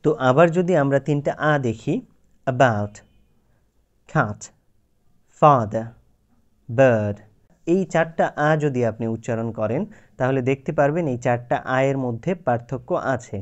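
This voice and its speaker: A man's voice: medium pitch, brisk, darkish tone, highs cut off. A man teaching English pronunciation in a YouTube lesson, explaining patiently and drawing out his example words.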